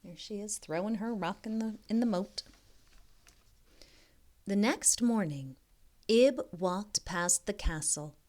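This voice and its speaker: A tutor with a mid-range voice reads a picture book to young children. She is expressive and stops now and then to prompt her listeners with questions.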